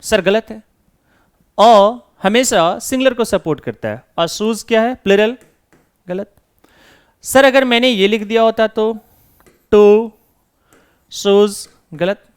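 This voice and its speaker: A man's voice: very high voice, clear, resonant tone. A man teaching English grammar in Hindi, asking and answering his own questions as if voicing his students. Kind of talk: classroom lesson.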